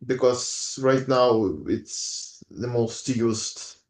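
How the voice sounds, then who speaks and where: A man, a student, talking casually in a class discussion and pausing to search for words. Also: medium pitch, little pitch movement, a little mellow. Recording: roomy, echoing sound.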